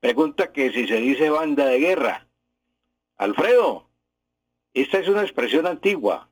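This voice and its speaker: A Colombian man speaks as a radio language professor, his voice husky and a little breathy. He explains patiently and digresses into historical stories. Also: a little high, expressive, measured pace, dry recording. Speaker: language professor answering listeners. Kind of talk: radio language advice segment.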